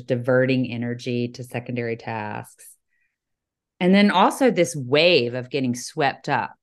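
A woman hosting a podcast from a cabin, talking reflectively and reading passages aloud. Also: very deep voice. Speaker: podcast host. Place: indoors in a cabin.

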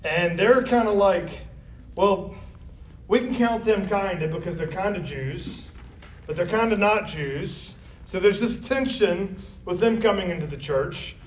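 This Bible study teacher speaks in a high-pitched, slightly slow voice, keeping things conversational and regularly asking his group questions. The setting is a classroom or church meeting room, captured in a distant, roomy, dull lo-fi recording with faint noise.

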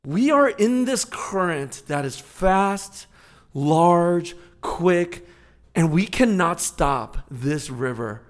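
A man in his forties, a pastor giving a sermon, telling a personal story in an animated, conversational way. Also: on the high side, extremely slow.

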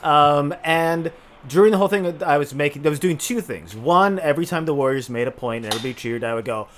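A man's voice: a little high, fast, slight background noise. Rambling man telling a story. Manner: rambling, full of "like" and restarts. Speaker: podcast co-host. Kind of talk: casual chat.

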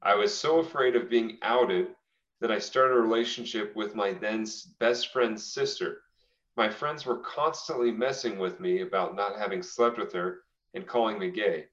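A man's voice: on the low side, normal speed, a bit bright. A young man co-hosting a podcast, reading listener confessions aloud in a casual way and often breaking into laughter. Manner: laughs often while reading, says "dude" a lot. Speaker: podcast co-host. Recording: roomy, slightly dull recording.

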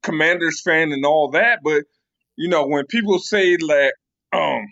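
High bright-voiced man arguing football. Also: unhurried, gravelly, no room sound, muffled recording. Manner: contrarian, stammering restarts. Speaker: podcast co-host. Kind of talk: casual sports debate.

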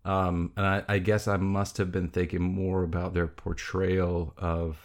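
A man's voice: low-pitched, little pitch movement, measured pace. A man in his thirties hosting a podcast, chatting casually about a film, rambling with frequent laughs and restarts. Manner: rambling, laughs often, many restarts and fillers. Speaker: podcast host.

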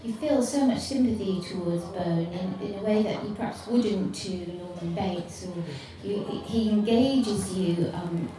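A woman's voice: medium pitch, measured pace, hardly any pauses, crowd noise. A woman on a book club panel, talking in a rambling, enthusiastic and casual way. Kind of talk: casual discussion. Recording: echoey room, mic far off, faint noise.

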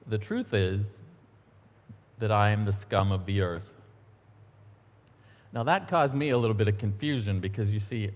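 A middle-aged man giving a relaxed, conversational sermon in church, telling stories with the odd um and aside. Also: lowish voice. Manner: relaxed, storytelling, a few ums and asides. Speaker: church minister. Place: church sanctuary. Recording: long church-hall reverb.

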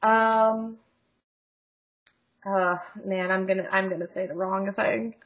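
A woman's voice: mid-range voice, fairly even intonation, slow pace, fairly bright tone, highs cut off. A woman co-hosting a podcast in casual chat, joking and rambling with frequent laughs, over a video call. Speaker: podcast co-host.

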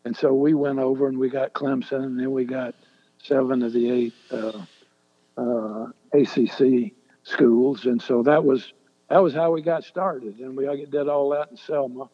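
Older male guest, husky, unhurried anecdote teller, echoey dull recording. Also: mid-range voice, flat delivery. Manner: halting and deliberate, many restarts. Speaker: interview guest. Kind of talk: storytelling in an interview.

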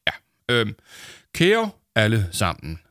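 A man's voice: lowish voice, wildly swooping pitch, fairly bright tone, no room sound, clean studio sound. A man reading a storybook aloud, voicing an awkward, earnest schoolboy who talks stiffly and formally. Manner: nervous, formal.

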